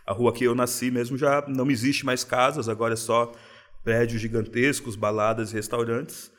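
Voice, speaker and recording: Relaxed São man, slang-heavy. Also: mid-range voice, normal speed. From São Paulo, Brazil. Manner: relaxed, reflective, uses street slang. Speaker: guest. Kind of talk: casual interview.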